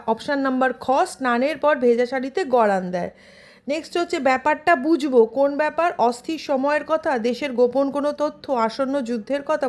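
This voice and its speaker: A woman teacher with a Bengali accent from West Bengal, reading out multiple-choice questions and their options, then giving the right answer. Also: high voice. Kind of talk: exam revision lesson.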